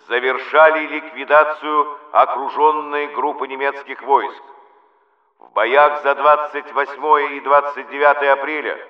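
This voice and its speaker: A male radio announcer reading a wartime news bulletin in a solemn, measured, declamatory manner. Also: medium pitch. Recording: dull, roomy archival radio recording.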